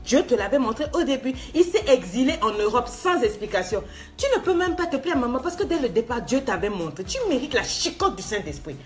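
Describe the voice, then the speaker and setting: A woman's voice: on the high side, sing-song, fairly quick, faint music behind. A woman life coach giving a motivational talk, scolding and mocking her listener with laughs, slipping in English phrases.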